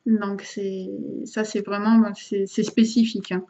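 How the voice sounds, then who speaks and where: This vlogger chats with her viewers while handling her vaping gear, giving a casual how-to demonstration full of hesitations, fillers and restarts. Her medium-pitched voice is mellow and flat, at a measured pace, and the audio sounds dull.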